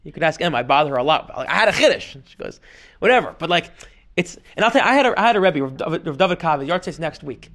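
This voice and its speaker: A man teaching a class as a rabbi, reading passages aloud and explaining them in an animated way, with Hebrew and Yiddish terms mixed in. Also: fairly high pitch, rapid-fire. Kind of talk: lecture on a text.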